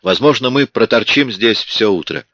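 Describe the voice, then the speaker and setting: A man reading an audiobook, voicing a smug, sharp police detective who talks in a cool, mocking way. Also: medium pitch, normal speed, dry recording, pitched above the performer's own voice, lightly acted. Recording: dull lo-fi audiobook recording.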